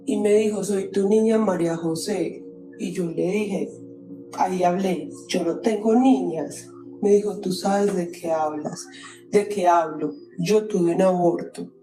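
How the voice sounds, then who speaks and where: A woman calling in to tell a personal paranormal story, nervous and halting, with many restarts. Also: mid-range voice, reverberant, low-quality recording. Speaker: caller.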